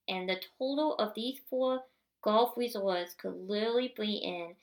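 Seated in a wheelchair at home, a woman hosts a podcast and tells a personal story. Her mid-range voice is creaky, and her conversational delivery keeps correcting and restarting before building to indignant emphasis.

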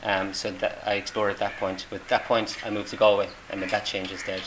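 A man's voice: on the low side, little pitch movement, a little fast, fairly bright tone. A middle-aged Irish man answering interview questions in a hesitant way, with many ums and restarts. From Ireland. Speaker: interviewee, volunteer. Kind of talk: casual interview. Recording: noisy room ambience.

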